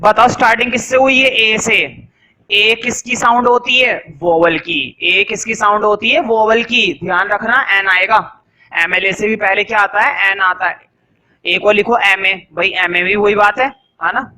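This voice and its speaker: Lively, bright-voiced man teaching a class. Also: high voice, measured pace, poor audio. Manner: lively, asks the class questions and answers them himself. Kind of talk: classroom grammar lesson. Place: classroom with a board.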